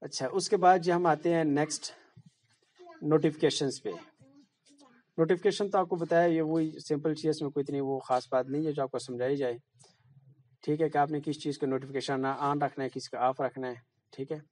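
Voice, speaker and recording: A man's voice: on the high side, steady tone, a little mellow. Man explaining phone settings casually. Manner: plain, repetitive explaining with fillers and "bhai" asides. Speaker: tutorial presenter. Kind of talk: casual screen-recorded phone tutorial.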